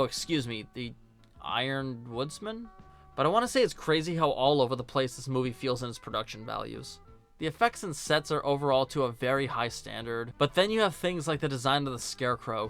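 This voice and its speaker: This film review comes from a man hosting as a video essayist, whose mid-range voice has a fairly bright tone. He is blunt and sarcastic, swears now and then, and keeps things casual and opinionated, with music running underneath.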